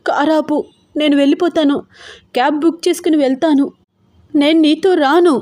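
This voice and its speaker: A woman voicing an angry, hurt young wife who snaps back in sharp, tearful outbursts. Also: high voice, fast, voice pushed up, lightly acted. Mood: upset.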